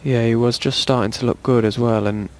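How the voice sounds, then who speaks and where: A man giving hushed live snooker commentary in a measured, sympathetic way. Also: mid-range voice, steady tone.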